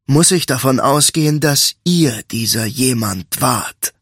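A man gives voice to a cold, dangerous thief in an audiobook. He speaks slowly and deliberately, every word measured and threatening, in a dry, close recording. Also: mid-range voice, expressive, a bit bright, breathy edge, dry recording, heavily acted. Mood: cold menacing. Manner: slow, deliberate and threatening, then snapping. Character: cold, menacing male thief, quietly dangerous. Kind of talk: audiobook character voice.

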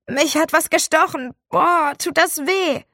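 Teen boy hamming up an injury, shrill and loud, read by a woman. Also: measured pace, no room sound, clean studio sound, heavily acted. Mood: wailing. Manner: loud, exaggerated wailing. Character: teenage boy faking pain, dramatic.

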